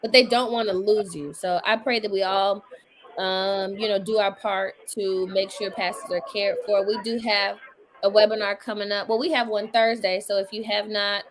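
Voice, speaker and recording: A woman's voice: medium pitch, flat delivery, normal speed, rough recording. A woman hosting an online gathering, talking casually and emphatically with joking asides. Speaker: host. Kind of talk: casual talk to a live online audience.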